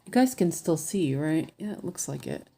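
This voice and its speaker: A woman with a dark, low voice and a breathy edge hosts a craft livestream, chatting casually and musing aloud as she stitches. She talks at a normal speed with lively intonation, and her lisp slurs s sounds toward sh.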